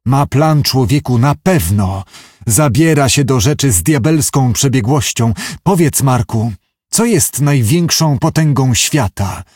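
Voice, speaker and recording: A man's voice: mid-range voice, lively intonation, unhurried, darkish tone, slightly rough, dry recording, studio quality. A man reading an audiobook, voicing a gloomy, shaken businessman who talks in anxious, confiding tones. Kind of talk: audiobook character voice.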